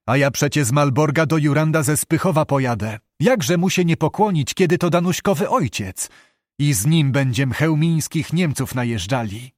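A boastful, dreamy young knight from a storybook, talking with excitable eagerness, as a man acts him out. His voice runs high and is recorded dry and close. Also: moderate pace, no room sound, close to an everyday voice. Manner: eager, excitable archaic speech.

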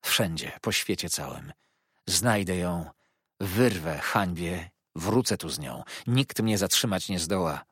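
A man's voice: low voice, expressive, slow pace, a bit bright, breathy edge, dry recording, clean studio sound, heavily acted. A man reading as a stunned, vengeful old fisherman. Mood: fierce. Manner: hollow, dull delivery turning vehement. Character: grief-stricken old fisherman uncle, stunned then fierce. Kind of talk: audiobook character reading.

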